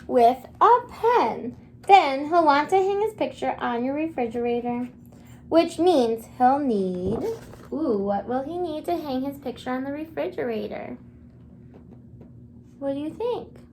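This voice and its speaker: During an interactive story time, this female kindergarten teacher speaks in simple, encouraging phrases with lively, high-pitched intonation and a somewhat mellow quality. She poses questions and waits for the kids to respond, over slight background noise.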